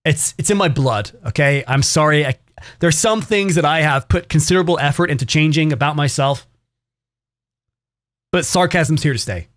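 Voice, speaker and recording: A man's voice: on the high side, moderate pace, fairly bright tone, no echo. A man streaming live who chats casually with his viewers, swears often and rambles in a sarcastic way. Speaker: variety streamer.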